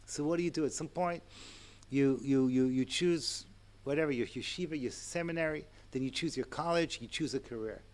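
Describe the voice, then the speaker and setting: A man in his sixties giving a Torah lecture to an audience, animated and chatty, with asides and chuckles. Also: medium pitch, normal speed. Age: 60s. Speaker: rabbi and lecturer.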